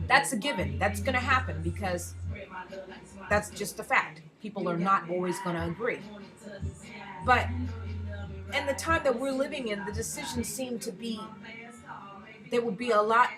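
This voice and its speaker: In a frank personal rant full of heavy swearing and pointed rhetorical questions, a US woman vlogger, self-described as an erotic artist, speaks casually. Her voice is mid-range and the audio quality is poor.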